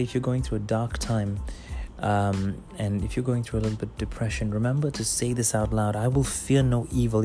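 Low-pitched, mellow male preacher, relaxed and conversational, reads verses slowly. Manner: conversational, many fillers, slows down to read scripture. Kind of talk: devotional Bible teaching.

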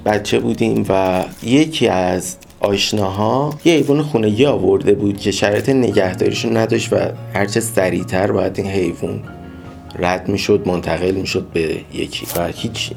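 A man's voice: on the low side, gravelly, a little mellow, faint music behind. A man hosting a podcast, telling a personal story in an informal, reflective and earnest monologue. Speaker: podcast host.

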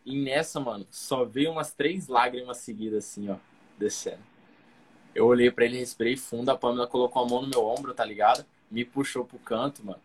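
A man's voice: mid-range voice, brisk, breathy edge. A young man from Cuiabá, a guest comedian, telling a long story in casual slang and acting out the other people in it. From Cuiabá, Brazil.

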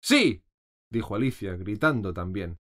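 A man narrating a storybook audiobook in an expressive reading voice. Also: lowish voice, moderate pace.

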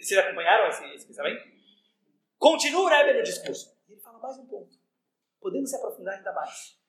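A man, a rabbi giving a lively religious lesson to a live audience and often asking them questions. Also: high voice. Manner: animated, questions the listeners. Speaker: rabbi teaching a class. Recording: echoey room.

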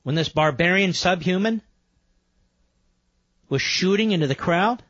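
American man, higher-pitched, infomercial-style radio pitch. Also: animated, measured pace, fairly bright tone, dry recording, lo-fi sound. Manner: emphatic sales pitch, repeating offers and phone number. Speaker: talk radio host. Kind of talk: infomercial-style live ad read.

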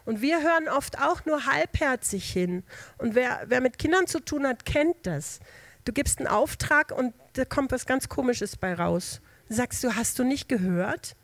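A woman's voice: high-pitched, lively intonation, a little slow, a bit bright, no room sound. A woman preaching an informal sermon in a conversational, homely way, drawing on everyday examples and often hesitating and restarting. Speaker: lay preacher.

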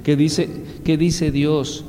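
A man preaching a sermon, asking his listeners questions and answering them himself, swinging between loud high exclamations and low quiet asides. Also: level tone, drawn-out words, slight background noise. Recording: long reverb, faint background ambience.

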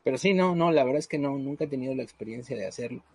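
A man's voice: medium pitch, animated, rapid-fire, a little mellow, husky, no echo. A man hosting a casual podcast chat, hesitant and full of fillers. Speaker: podcast host.

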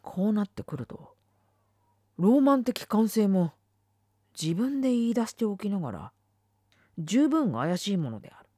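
A woman reading a literary essay aloud, dramatic, swinging between firm declarations and hushed whispers. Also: medium pitch, very animated, normal speed, pauses often, slightly rough, no echo, studio quality. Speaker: reader.

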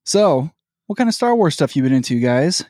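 Guy hosting a casual podcast chat, really animated up and down voice. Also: a little high, normal speed, no room sound, studio quality. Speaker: podcast host. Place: basement.

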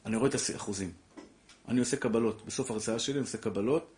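A middle-aged man, a rabbi giving a lively Torah class who preaches through rhetorical questions and calls his listeners fondly. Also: medium pitch, slight background noise. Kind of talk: animated Torah lecture.

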